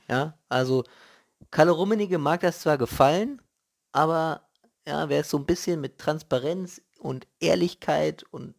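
A man delivering an opinionated, colloquial football rant, indignant and emphatic, often repeating phrases for punch. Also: medium pitch. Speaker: host of a football commentary show.

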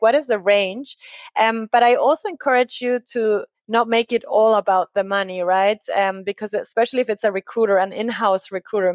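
A woman's voice: mid-range voice, dry recording. Chatty woman, dry sound. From Ecuador. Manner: chatty, explains with many tag questions and fillers. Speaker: recruiting agency founder, podcast guest. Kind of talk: conversational podcast interview.

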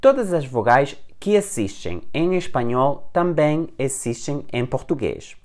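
A man teaching a language lesson, explaining patiently and repeating example words slowly and clearly. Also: medium pitch, big pitch swings, a little mellow. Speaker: Spanish teacher.

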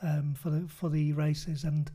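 A chatty man hosts a relaxed podcast conversation, his voice sitting fairly high for a man. His tone is mellow and soft-edged, and he keeps tossing tag questions back to his guest. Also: measured pace, slightly rough. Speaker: podcast host. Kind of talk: casual podcast chat.

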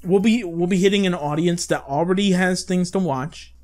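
A young man co-hosting a podcast in casual, excitable chat, swearing freely. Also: high-pitched, moderate pace. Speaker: podcast co-host.

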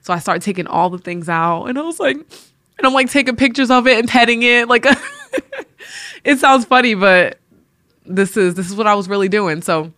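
A woman hosting a podcast, telling a personal faith story in an animated, laughing way and acting out the people she quotes. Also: on the high side, moderate pace, no room sound. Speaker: podcast host.

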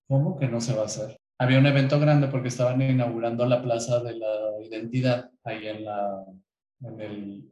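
A man's voice: medium pitch, echoey room, a little hiss or hum, poor audio. A man with a Mexican accent telling a personal story as a guest, acting out the quotes as he goes. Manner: animated retelling with acted-out quotes.

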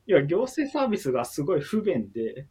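A man's voice: fairly high pitch, huge pitch swings, fairly quick, darkish tone, slightly rough. A man who is a book author guest, speaking politely and hesitantly on a livestream with many fillers. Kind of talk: casual livestream chat.

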